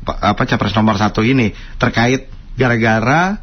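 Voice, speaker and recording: A man's voice: fairly low pitch, moderate pace, slightly rough, lo-fi sound. A male radio talk show host taking calls, easygoing, with fillers and hums.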